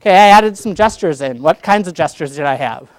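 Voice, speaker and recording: High, clear-voiced male public speaking teacher. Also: fairly quick, no room sound. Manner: energetic, asks the class questions. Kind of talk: classroom lecture. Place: classroom.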